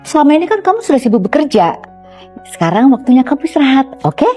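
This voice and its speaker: A woman's voice: high-pitched, sing-song, fast talker, soft background music. A woman playing a fussy middle-aged mother who scolds and teases her grown daughter in a comedy sketch. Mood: bossy. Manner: loud, nagging, teasing.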